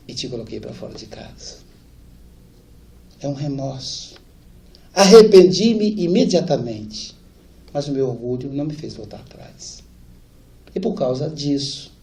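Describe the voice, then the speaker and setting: A man voicing a rustic older father, a gruff man turned tender, speaking softly and heavy with remorse. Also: mid-range voice.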